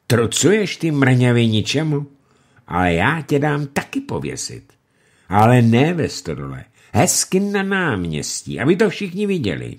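A man's voice: mid-range voice, wildly swooping pitch, voice pushed up. A man voicing a furious, blustering nobleman lord who bellows threats. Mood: scornful.

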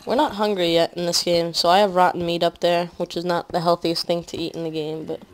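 A woman's voice: lowish voice, flat delivery, a little fast. Rambling woman narrating her game. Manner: rambling, filler-heavy, often trails off quietly. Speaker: gaming commentator. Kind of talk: casual let's-play commentary.

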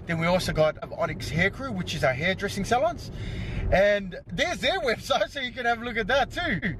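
A Samoan vlogger in his thirties who runs a salon speaks expressively at a moderate pace, his high voice set against a noisy background. Filming on a close handheld camera, he chats upbeat in a parked car and then a hair salon, punctuating lines with "yo."

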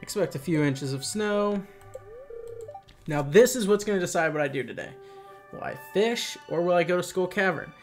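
A man's voice: high voice, lively intonation, moderate pace, faint music behind. A man hosting a casual let's play, musing aloud and chatting as he plays. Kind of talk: casual gameplay commentary.

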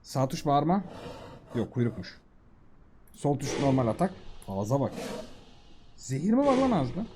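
A man giving casual, excitable commentary while playing a video game, talking to himself and the creatures on screen. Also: mid-range voice, moderate pace, pauses often, background noise. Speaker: gaming YouTuber.

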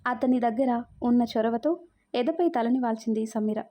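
Mellow woman storyteller. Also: a little high, moderate pace. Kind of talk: scripted narration.

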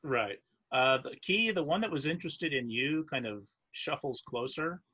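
Man, game master, husky, bright tone, halting delivery with restarts. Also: on the high side, expressive. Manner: halting, many restarts, laughs easily. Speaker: dungeon master. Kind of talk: narrating a tabletop game.

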